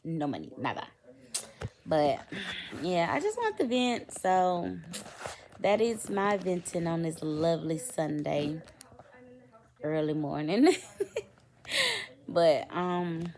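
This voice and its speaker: Sleepy lady vlogging, low voice that swoops around, rambling vent. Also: lively intonation, takes it slowly, pauses often, a little mellow. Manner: rambling, venting, lots of fillers. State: sleepy, yawning. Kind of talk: casual storytime vent.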